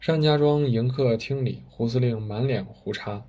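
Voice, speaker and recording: Husky male storyteller. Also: medium pitch, normal speed, warm tone. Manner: vivid, dramatic narration. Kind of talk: spoken storytelling.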